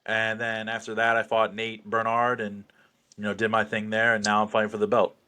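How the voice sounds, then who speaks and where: A man's voice: lowish voice, monotone, fairly quick, pushed and bright, clean tone. A man being interviewed as a fighter, chatting casually with cocky, sweary bravado.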